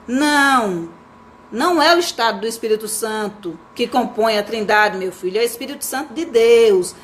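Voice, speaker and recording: Lady doing a flustered mom, indignant and scolding, a bit higher, storybook. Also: lively intonation, moderate pace, a little hiss or hum, close to an everyday voice. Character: flustered pious mother, scolding and exasperated.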